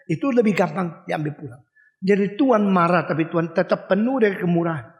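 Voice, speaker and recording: An older man preaching a lively sermon, asking his listeners questions and acting out the people and animals in his story. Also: high voice, brisk, lo-fi sound. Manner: animated, acts out voices and dog barks, asks the audience questions. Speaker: pastor. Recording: long hall reverb.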